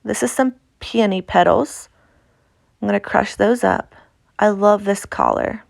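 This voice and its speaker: Casting: woman, Appalachian accent, medium pitch with gravelly creak, informal chatty instructor for hands-on craft narration. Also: a little slow, no room sound, clean studio sound. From Appalachia, United States. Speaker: craft tutorial host. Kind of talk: casual instructional craft voice-over.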